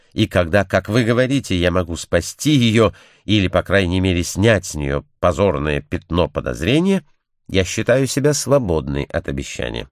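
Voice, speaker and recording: A man voicing a timid young blonde woman who earnestly tells what she witnessed, in a measured storytelling manner. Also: low-pitched, dry recording, clean studio sound.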